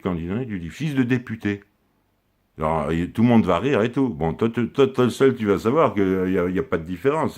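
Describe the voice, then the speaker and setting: Deep-voiced man rambling crude jokes. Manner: rambling, crude, jokey, confiding. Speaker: comic character sending a video message to his daughter. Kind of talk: rambling comic monologue. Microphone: handheld camera close up.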